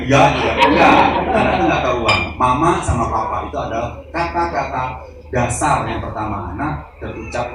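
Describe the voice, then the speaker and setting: A man giving a live seminar, joking with the audience and acting out examples as he talks. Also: medium pitch. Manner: joking, addresses audience directly, acts out examples. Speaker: seminar speaker. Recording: echoey hall, voice from far off, noisy.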